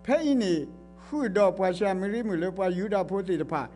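A middle-aged man with a Karen accent and a fairly high voice for a man delivers a sermon on a church stage before a blue curtain, close to a stand mic. Impassioned and fairly quick, he gestures as he swings between ringing exclamations and hushed, earnest passages, with soft music in the background.

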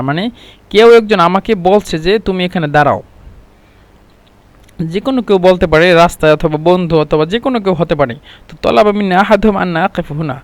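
A man's voice: sits high, no room sound. A man teaching Arabic phrases, saying each one several times and then translating it. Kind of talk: explaining Arabic phrases in Bengali.

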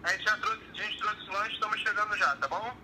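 A man's voice: sits high, steady tone, brisk, crowd noise. A man talking on a phone call heard over speakerphone, giving short reassuring answers. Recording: noisy distant speakerphone audio.

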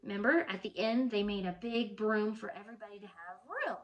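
A woman preschool teacher at home reading a picture book aloud to children, animated and gasping with chatty asides. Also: mid-range voice, a little fast, lo-fi sound.

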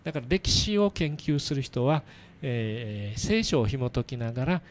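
A man hosting a church radio talk show, explaining patiently in a halting way with many fillers. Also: mid-range voice, animated.

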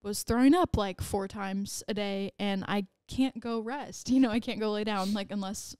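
A woman's voice: mid-range voice, moderate pace, darkish tone, clean tone, no echo, studio quality. A pregnant woman in her twenties co-hosting a casual podcast chat, rambling and giggling with lots of "like"s. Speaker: podcast co-host.

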